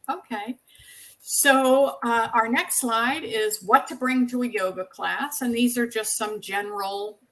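A woman hosting a podcast conversation, chatty and quick to laugh while leading through slides. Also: mid-range voice, pushed and bright, rough recording. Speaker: podcast host.

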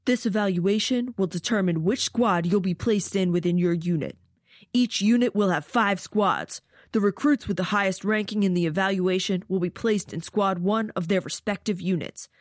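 A woman's voice: mid-range voice, normal speed, no room sound, studio quality, natural voice. Woman voicing a stern male drill sergeant. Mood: commanding. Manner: commanding, formal.

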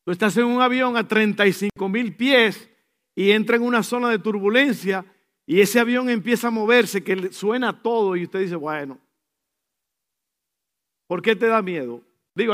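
A male pastor preaching a sermon, animated, acting out little scenes, swinging between soft, slow asides and loud bursts, and dropping in English phrases. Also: high-pitched.

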